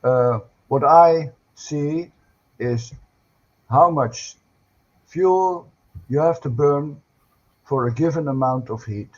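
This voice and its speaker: Older man, panel guest, husky voice, slow halting speech, lo-fi muffled audio. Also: a little high. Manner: hesitant, frequent "uh" fillers, careful phrasing. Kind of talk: casual panel discussion.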